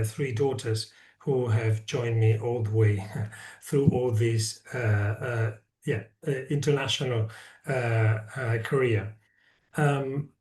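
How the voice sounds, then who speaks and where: A man's voice: mid-range voice, darkish tone. A man from Spain, a family medicine professor, introducing himself with many hesitant fillers. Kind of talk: self-introduction. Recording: echoey room, distant from the mic.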